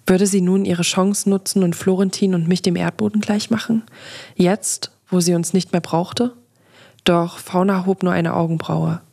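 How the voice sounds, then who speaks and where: A woman narrating a fantasy story in the first person, steady and expressive, as a podcast narrator. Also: lowish voice, normal speed, creaky.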